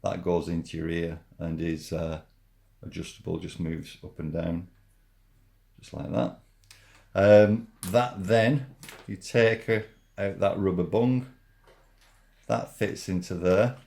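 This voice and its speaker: A man with a low voice talks through a hands-on product demonstration. His delivery is casual and a little halting, and he repeats himself as he works through each step. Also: fairly even intonation, gravelly, darkish tone. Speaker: product reviewer.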